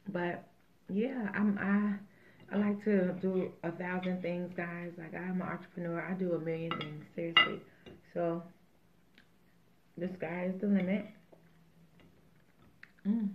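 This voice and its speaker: A woman's voice: fairly low pitch, level tone, measured pace, pauses often. A woman hosting a mukbang video, chatting casually and rambling with jokes between bites. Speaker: mukbang host. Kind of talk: casual chat while eating. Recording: tinny phone-like sound.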